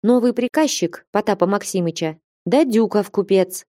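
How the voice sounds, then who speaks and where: A woman's voice: mid-range voice, moderate pace, mellow, no room sound, clean studio sound, lightly acted. A woman voicing a humble, anxious old nun treasurer in an audiobook, pleading and lamenting. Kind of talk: audiobook character reading.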